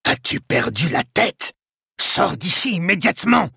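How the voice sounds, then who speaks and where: A man voicing an older, indignant male monk prior in a read story, his husky voice pushed higher. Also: very animated, unhurried, pushed and bright, dry recording, studio quality, exaggerated voice. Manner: indignant, then fearful and wailing.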